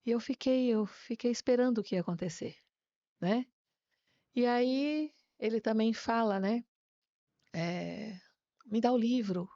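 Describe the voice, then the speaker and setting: A woman pastor telling her personal faith testimony as a guest, a lively storyteller who often ends phrases with a tag question. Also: on the high side, measured pace, long pauses, no echo, highs cut off.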